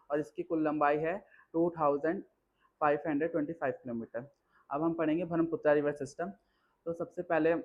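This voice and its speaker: A teenage boy, a school student, reciting a geography lesson from memory, listing names with pauses and restarts. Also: fairly high pitch. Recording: dull lo-fi sound.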